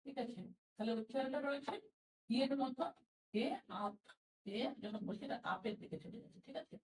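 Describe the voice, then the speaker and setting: A Bengali-speaking woman teaching English pronunciation, slowly repeating each sound and example word. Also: a little high, darkish tone, far from the mic. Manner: slow, patient, repeats sounds and example words. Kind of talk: spoken language lesson. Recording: roomy echo from away from the mic.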